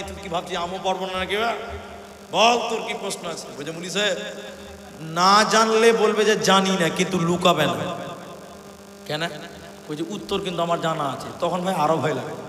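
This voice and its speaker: Animated preacher with a bright, echoing voice. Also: male voice, high-pitched. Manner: storytelling, acting out dialogue, rising to shouts. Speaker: Islamic preacher. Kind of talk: sermon at a religious gathering. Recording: echoey hall reverb, faint hum.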